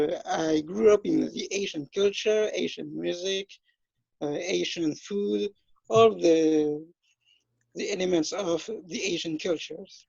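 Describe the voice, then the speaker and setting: Man, twenties, from France, hesitant speech, fillers, husky, lo-fi dull audio. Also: high voice, darkish tone, no echo. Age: 20s. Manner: hesitant, many fillers and restarts. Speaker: interview guest. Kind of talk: self-introduction in an interview. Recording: dull, lo-fi dry sound.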